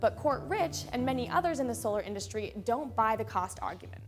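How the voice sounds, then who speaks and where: A young woman hosting a scripted explainer in a studio, speaking clearly and upbeat into a lapel mic. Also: on the high side, animated, a little fast, music in the background. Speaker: host. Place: studio with a plain gray backdrop.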